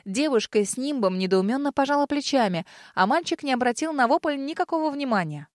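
A woman with a fairly high voice reads a first-person fantasy audiobook. Her delivery is lively and amused. The recording is dry and close to the mic. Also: a little fast, dry recording. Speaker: narrator.

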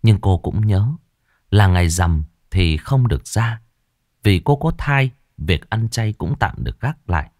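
A man narrating an audio story in a measured, expressive way. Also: lowish voice, dry recording, clean studio sound.

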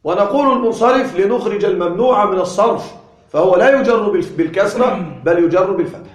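A man with a high-pitched voice teaches a classroom grammar lesson. He goes slowly, repeats each example and poses questions he answers himself. The room around him is noticeably echoey.

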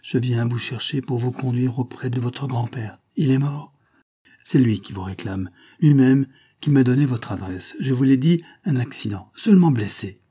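Man putting on a smooth lying con man. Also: medium pitch, moderate pace, warm tone, voice pushed up, natural voice. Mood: consoling. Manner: smooth, theatrical, falsely consoling. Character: scheming male con man, falsely solicitous.

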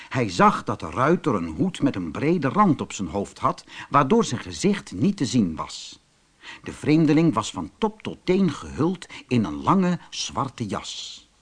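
Man, from the Netherlands, fairy tale audiobook reading, slow, very lively pitch. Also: slightly rough. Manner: expressive, measured storytelling. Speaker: storyteller.

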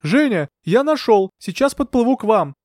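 Male reader as an anxious, poor-swimming man, high fretful shouts. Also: quick pace, no room sound, studio quality. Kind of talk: audiobook character voice.

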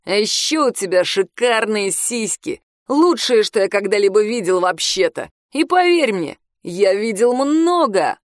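A woman voicing a drunk, crude, boastful high-school heartthrob boy in a storybook reading, loud and drawn-out. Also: animated, no room sound, studio quality, close to an everyday voice. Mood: taunting.

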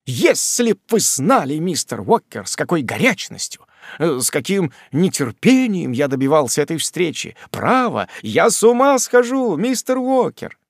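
A man's voice: fairly high pitch, big pitch swings, moderate pace, vocal fry, slightly rough, no echo, clean studio sound, exaggerated voice. A man reading a storybook, voicing a sly male servant who gushes and fawns in a whiny, ingratiating way. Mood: gushing. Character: sly fawning male servant, tearful, falsely innocent.

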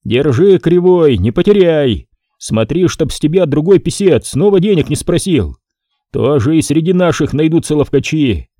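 A harsh tax scribe from old times, stern and mocking, his voice raised high and loud above the reader's own, as a man puts him on. The tone is dark and mellow, with a lively swing in pitch. The recording is close and dry, as in an audiobook. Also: moderate pace, no echo.

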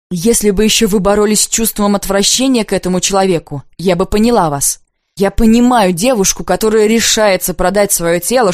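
A proud, bitter unmarried woman speaks with fierce, accusing intensity, as a woman reads her in an audiobook. The voice sits at a middle pitch. The recording is dry and close. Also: darkish tone, no room sound, natural voice. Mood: furious. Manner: intense, accusing, slow and heavy at times. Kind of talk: audiobook dialogue reading.

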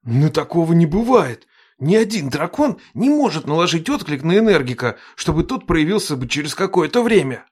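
Audiobook figure: aloof male dragon, low and dismissive, voiced by a woman. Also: big pitch swings, moderate pace, a little mellow, husky, exaggerated voice. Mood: cold. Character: cold indifferent male dragon Divangin.

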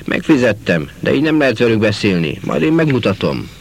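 A man's voice: on the low side, sing-song, a little hiss or hum, voice pushed up. A man voicing a quarrelsome woman market vendor, shrieking and scolding on a crowded train.

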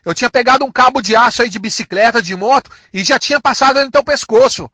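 Recorded dry, a man's very high voice comes through with a sharp tone and a breathy edge. He's from São Paulo, Brazil, and speaks with a São Paulo Portuguese accent, ranting angrily with insults and threats that he repeats and draws out aggressively.

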